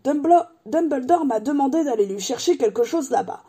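Hagrid: woman playing a gruff giant, pitched up. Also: animated, moderate pace, warm tone. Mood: hearty. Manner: grumbling, blunt and hearty. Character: gruff male giant, loyal and proud.

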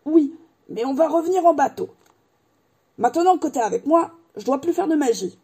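A woman's voice: sits high, animated, normal speed, mellow, pitched above the performer's own voice. A woman reading a storybook aloud and voicing a big, proud, grumbling male giant in a raised, blunt voice. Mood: hearty.

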